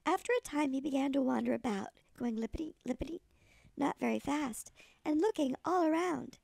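A sweet older woman with a thin, creaky voice, reading a children's story expressively like a kindly storyteller. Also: high-pitched, brisk, darkish tone, no room sound. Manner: sweet old lady.

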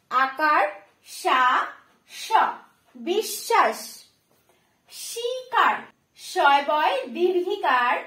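Slow, high-voiced woman teaching spelling. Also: sharp tone, reverberant. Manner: patient, slow, repeats each sound and checks understanding. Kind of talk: spelling lesson at a whiteboard.

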